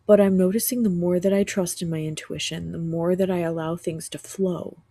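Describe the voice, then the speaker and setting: A woman podcast host, sick and rough-voiced, talking earnestly from her couch at home in a reflective spiritual monologue with frequent restarts. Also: on the low side, steady tone, moderate pace, dark tone, no room sound, clean studio sound.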